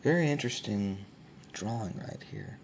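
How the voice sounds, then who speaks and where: A man hosting ASMR in a soft, unhurried way, often near a whisper, pausing as he describes things. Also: lowish voice, expressive, gravelly, a little hiss or hum. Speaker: ASMR host. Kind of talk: soft ASMR book show-and-tell, often dropping to a whisper.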